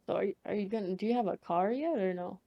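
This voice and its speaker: A woman's voice: mid-range voice, fast, muffled recording. Young woman, podcast co-host, casual chat, giggly, swears freely, rambling stories. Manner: giggly, profane, rambling anecdotes.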